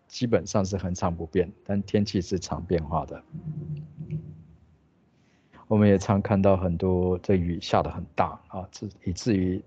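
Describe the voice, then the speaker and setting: A man with a Taiwanese Mandarin accent teaching an English grammar lesson, explaining patiently and repeating English words slowly. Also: low voice, mellow, highs cut off.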